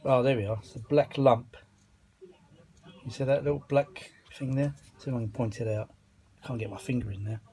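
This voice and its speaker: Filmed on a handheld phone with poor audio, a British man rambles casually through repairing vintage audio equipment, muttering asides and grumbling mildly in colloquial speech. His medium-pitched voice is warm and steady, at a moderate pace with frequent pauses.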